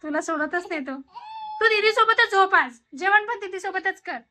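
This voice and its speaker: A woman with a very high, bright voice talks casually at home for a family vlog. She coaxes and teases her small child in a playful sing-song, with lots of repetition. It sounds like an ordinary home kitchen. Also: normal speed. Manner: coaxing, playful sing-song talk to a toddler. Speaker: mother.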